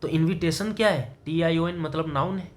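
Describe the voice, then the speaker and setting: A man with a voice on the high side and a moderate pace teaches English grammar to a student in a classroom lesson. He explains in Hindi using English terms and asks questions he often answers himself.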